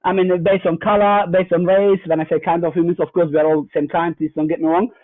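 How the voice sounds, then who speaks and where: Speaking as a guest cybersecurity executive at a fireside chat, a high-pitched German man keeps his pitch fairly flat. He's earnest, pausing on fillers and restarting sentences, over a tinny, phone-like remote line that's dry with no echo.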